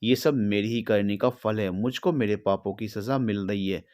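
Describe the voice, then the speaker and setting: A man with a fairly low voice voicing a young woman in a read-aloud story, tearful and blaming herself. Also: steady tone, moderate pace, a little mellow, lightly acted. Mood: remorseful. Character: remorseful young woman, daughter.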